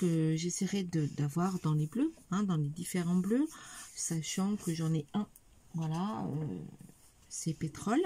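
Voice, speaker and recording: A middle-aged woman talks her viewers through a craft haul, holding up each item. She speaks slowly and hesitantly, with many fillers, in a slightly husky, mellow, lowish voice. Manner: talks to viewers while showing items. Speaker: craft vlogger. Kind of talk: casual craft haul video.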